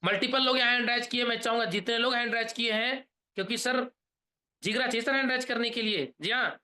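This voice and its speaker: High bright-voiced man giving a pep talk. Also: steady tone, a little fast. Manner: rousing, asks the audience questions, leads chants. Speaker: motivational trainer. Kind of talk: energetic sales pep talk on a video call.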